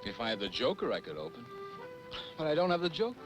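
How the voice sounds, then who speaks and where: An actor playing a good-humoured young explorer who jokes and teases, in an old dubbed film. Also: male voice, mid-range voice, wildly swooping pitch, quick pace, low-quality recording. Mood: playful. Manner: joking, teasing. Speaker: expedition member. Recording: old film dub over music.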